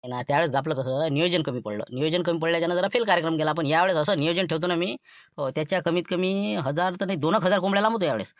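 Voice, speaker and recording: A man's voice: a little high, very fast, no room sound, studio quality, lightly acted. A man with a Varhadi Marathi accent playing a boastful schemer in a comic sketch, rambling about his plans. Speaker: scheming villager in a comedy skit.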